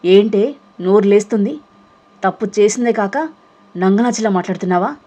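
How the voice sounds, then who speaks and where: A woman voicing a hard-hearted middle-aged mother who scolds and shouts in an audio novel reading. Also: medium pitch, steady tone, quick pace, lightly acted. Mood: shouting. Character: cruel harsh stepmother, middle-aged, hateful.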